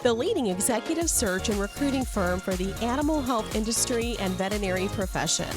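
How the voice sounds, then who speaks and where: A woman's voice: mid-range voice, expressive, a little fast, music in the background. A woman hosting a podcast, reading a polished scripted introduction and asking interview questions. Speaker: podcast host, recruiter.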